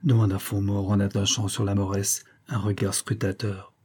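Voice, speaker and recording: Brief: male narrator, measured literary reading, husky timbre. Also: lowish voice, flat delivery, warm tone. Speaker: audiobook narrator. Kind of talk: scripted narration.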